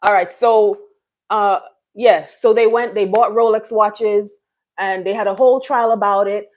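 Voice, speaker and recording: Speaking at an unhurried pace in a steady, mid-range voice with a darkish tone, a middle-aged woman from Jamaica chats casually with her live stream viewers. She rambles, fills pauses, and frequently starts her sentences over.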